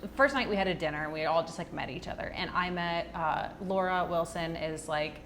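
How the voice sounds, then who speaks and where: A woman co-hosting a casual podcast, her voice sitting a little low. She is upbeat, tossing in short affirmations as she talks. Faint ambience hums under the track. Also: brisk, fairly bright tone, a little hiss or hum. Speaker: podcast co-host. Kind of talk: casual chat.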